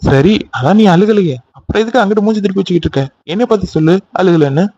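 A man's voice: high voice, expressive, racing, mellow, lo-fi sound, slight background noise. Man voicing a pleading young lover. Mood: arguing. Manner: pleading, insistent. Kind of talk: cartoon voice acting.

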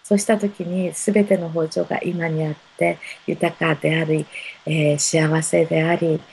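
A woman giving unhurried spiritual messages to viewers of a live stream, speaking gently with many soft fillers. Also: sits low, flat delivery, gravelly, a little hiss or hum, rough recording. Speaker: spiritual counselor.

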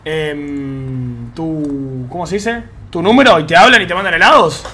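Gaming live, a man speaking Argentine Rioplatense Spanish trades easygoing, slang-filled chatter with his chat, faint game music in the background. His voice sits on the high side, bright and forceful, and he's unhurried.

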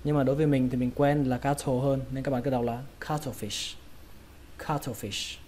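Man, pronunciation teacher, slow careful repeats, mid pitch, faint hiss. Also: flat delivery, dark tone. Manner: slow, drawn-out repetition of words. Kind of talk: casual lesson.

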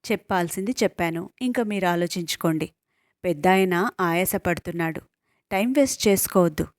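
A woman's voice: fairly low pitch, a little fast, no room sound, studio quality, lightly acted. A woman voicing a firm, businesslike female hospital nurse in a storybook reading. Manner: firm, matter-of-fact.

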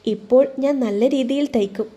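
A woman voicing a young woman in a spoken story who talks softly, pouting and close to tears. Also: fairly high pitch, fairly quick, close to an everyday voice. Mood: plain. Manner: soft, pouting, tearful. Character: young woman, timid, hurt and sulky.

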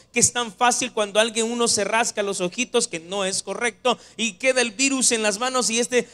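High-voiced preacher man. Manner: animated, addresses listeners as brothers. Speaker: pastor. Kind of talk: sermon.

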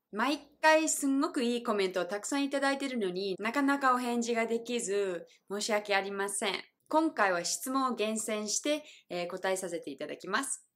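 This friendly pronunciation lesson comes from a young adult woman who speaks English natively. She sounds bright and upbeat in a mid-range voice, modeling phrases with slow, clear delivery.

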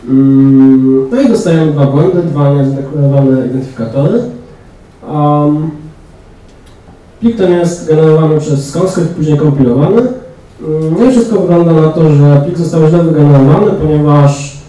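A young man giving a technical talk in a large lecture room, pausing often with fillers. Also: a little high, warm tone. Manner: hesitant, many fillers. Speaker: conference speaker. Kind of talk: technical presentation. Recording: echoey hall, distant mic.

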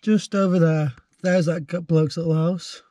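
A man's voice: on the high side, normal speed. A young man, chatting casually as he vlogs from his campervan and the lakeshore into an action camera. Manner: relaxed, chatty, thinking aloud. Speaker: travel vlogger. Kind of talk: casual vlog narration.

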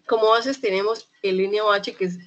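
A woman's voice: medium pitch, highs cut off. Chatty Colombian woman teaching chemistry. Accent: Colombian Spanish, Medellín. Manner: lively, chatty, checks in with students often; spells out terms slowly and repeats them. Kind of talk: online class lecture.

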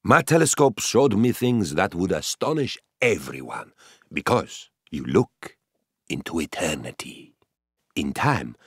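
A boastful, playful old male astronomer tells his own story in a children's cartoon. The voice is low and unhurried but swings widely up and down. The recording is close and dry. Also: breathy edge, no room sound, exaggerated voice. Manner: chatty and cheeky, with lively asides. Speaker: first-person narrator.

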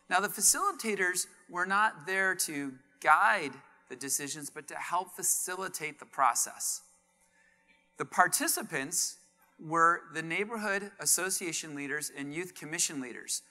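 A middle-aged man speaks on a big conference stage through a headset mic. His voice is bright and sharp, and he tells a story with lively energy, acting out the dialogue. Faint music sits underneath. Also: high voice. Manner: animated, acts out quoted dialogue. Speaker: keynote speaker.

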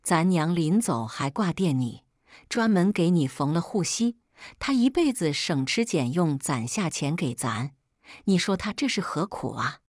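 A woman's voice: lowish voice, sing-song, measured pace, darkish tone, no room sound, studio quality. A woman reading the lines of a caring, tearful middle-aged village mother in a spoken story. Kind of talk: read-aloud storytelling.

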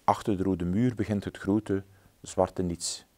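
A man voicing a sad old male lion in a storybook reading, speaking quietly and sorrowfully. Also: low-pitched, steady tone, unhurried, no echo.

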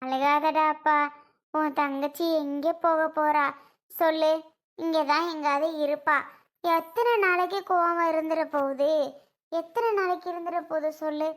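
A woman's voice: sits high, fairly even intonation, measured pace. A woman voicing a loving mother who tenderly consoles her grown son. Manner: tender, coaxing.

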